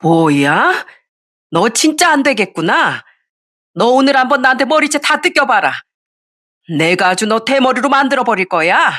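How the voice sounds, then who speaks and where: A woman's voice: a little high, big pitch swings, moderate pace, a bit bright, voice pushed up. A woman voicing a domineering older mother-in-law who scolds her daughter-in-law harshly, in an audio story reading. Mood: scolding.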